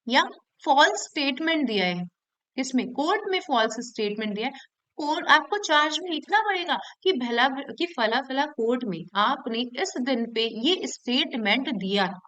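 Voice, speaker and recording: A woman gives a law lecture in a fairly high voice. She repeats key points, asks the class questions and answers them herself. Her delivery is patient and explanatory. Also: lively intonation, a bit bright, poor audio. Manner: reads statute text aloud slowly. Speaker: law teacher.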